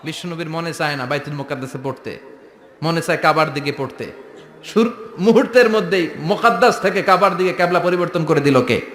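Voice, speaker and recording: A middle-aged man preaches with passion, asking the crowd questions and waiting for their reply. His voice sits on the high side and rings bright and forceful. It carries the echo of a loudspeaker at a large gathering. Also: brisk. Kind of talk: sermon.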